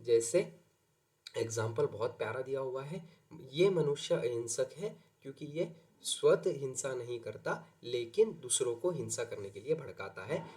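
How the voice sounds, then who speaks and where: Animated yet a little slow, a man with a darkish, middle-pitched voice leads an exam-prep class. His explanations move through a steady pattern of rhetorical questions he answers on the spot.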